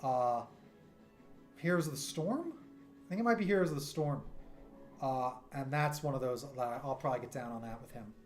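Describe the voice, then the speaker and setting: A man in his thirties, mid-range voice and New York accent, livestreams his art from home at a moderate pace, pausing often. He's animated, chatty and self-deprecating in his loose, wandering talk, while soft synth music fills the background of his streaming room.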